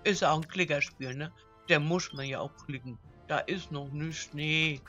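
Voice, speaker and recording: A woman hosting a casual let's play, chatting to her viewers and cooing at little game characters as if they were pets, swinging from low muttering to high exclamations. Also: fairly even intonation, moderate pace, a bit bright, muffled recording, faint music behind.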